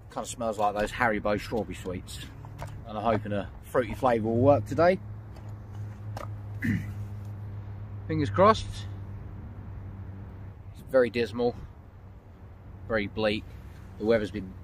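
Chatty man fishing outdoors. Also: lowish voice. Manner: chatty, matter-of-fact, talks to camera while fishing. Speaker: angling vlogger. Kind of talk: outdoor fishing vlog narration. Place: windy lakeside outdoors. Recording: outdoor mic with faint wind noise.

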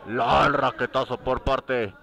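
A man's voice: medium pitch, steady tone, takes it slowly, creaky, bright, forceful tone. A man giving live lucha libre commentary, repeating words for emphasis. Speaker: wrestling co-commentator.

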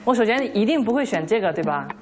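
A woman's voice: medium pitch, very animated, fast. A woman bantering casually on a variety show. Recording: loud music behind.

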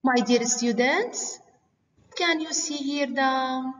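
Very slow woman teaching small children, echoey. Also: high-pitched, a bit bright. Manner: slow, simple teacher talk as if reading to a toddler, asking and answering. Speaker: English teacher. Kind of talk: lesson for young children. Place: classroom, standing at a whiteboard, far camera at first. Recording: echoey hall, distant mic.

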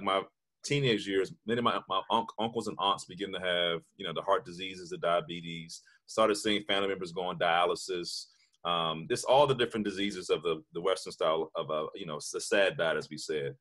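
A man from southern Maryland, a chef, telling his story on a video call in an energetic, folksy way while wearing a headset. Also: deep voice, fairly quick. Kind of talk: video call panel discussion. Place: home room, indoors.

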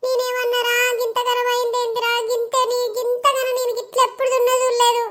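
Cartoon old grandmother , woman actor, Telangana accent, very high, rapid, repetitive complainer. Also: monotone, fairly bright tone. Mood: pleading. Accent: Telangana Telugu. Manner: complaining, repeats herself. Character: old village grandmother, wronged and pleading. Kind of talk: cartoon comedy voice acting.

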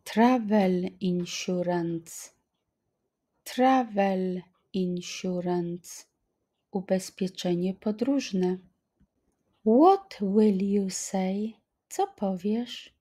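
A woman teaching vocabulary in a slow flashcard-style lesson, saying each phrase twice with deliberate care. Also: medium pitch, mellow. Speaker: language teacher.

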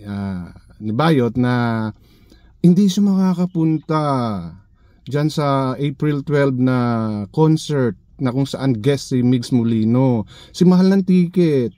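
A man's voice: medium pitch, takes it slowly, warm tone, no room sound. A man giving sarcastic, needling reaction commentary in his vlog, full of rhetorical questions. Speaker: vlogger.

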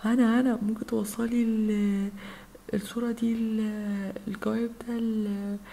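A woman's voice: fairly high pitch, flat delivery, gravelly, warm tone. A woman with an Egyptian Arabic accent voicing a bashful schoolboy toy doll who speaks hesitantly. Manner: hesitant, halting.

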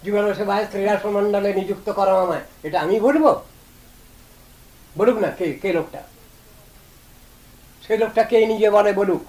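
A man giving an earnest devotional discourse, reasoning aloud and reciting verses slowly. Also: high voice, darkish tone, low-quality recording. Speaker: religious speaker.

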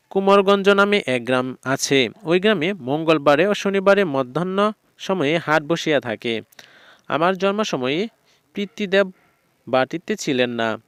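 A man's voice: a little high, clear, resonant tone, no echo. Man reading exam answers in a dry voice. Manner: steady, methodical reading of text and answers. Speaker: teacher.

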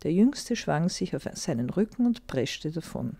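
A woman reading a fairy tale aloud in a calm, even storytelling manner. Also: deep voice, unhurried, gravelly, slightly rough, no room sound.

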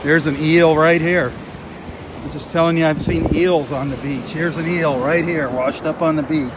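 Walking along a windy beach, a video host narrates live in a high, steady voice at a moderate pace, sounding earnest and dismayed. Wind and surf noise hit the mic, with waves crashing behind him.

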